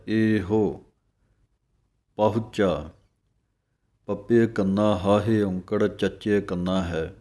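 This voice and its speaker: ਹੌਲੀ, ਸਪਸ਼ਟ ਪਾਠ ਸਿਖਾਉਂਦਾ ਆਦਮੀ. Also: male voice, lowish voice, darkish tone. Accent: Punjabi. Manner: slow, drawn-out recitation alternating with explanation. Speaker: religious teacher. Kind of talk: slow pronunciation lesson.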